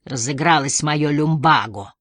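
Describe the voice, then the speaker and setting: Woman putting on a creaky, grumbling old man. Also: sits low, unhurried, a bit bright, dry recording, studio quality. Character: grumpy bitter old lodge-keeper father.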